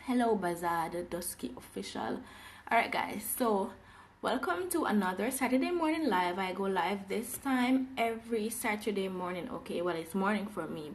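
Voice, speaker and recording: A woman's voice: mid-range voice, a little hiss or hum. A woman from Jamaica teaching English on a live phone stream, cheerfully greeting viewers and repeating her welcomes.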